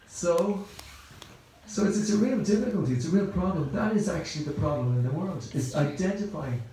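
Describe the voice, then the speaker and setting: A man's voice: high voice, expressive, brisk, warm tone. An Irish man giving a rambling, conversational Sunday talk at a temple, repeating words as he goes. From Ireland. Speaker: temple speaker. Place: temple hall. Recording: very echoey room.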